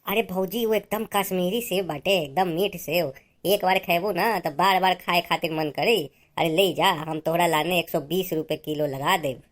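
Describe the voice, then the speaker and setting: A woman's voice: fairly low pitch, moderate pace, close to an everyday voice. Woman doing a pushy male fruit seller with an Awadhi accent. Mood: coaxing. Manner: sing-song hawking, coaxing. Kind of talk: cartoon voice acting.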